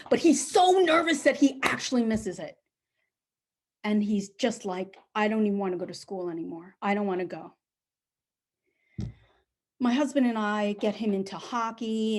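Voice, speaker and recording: A middle-aged woman telling a personal story aloud, lively, acting out the other people in it. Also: mid-range voice. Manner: animated, acts out the voices of people in her story.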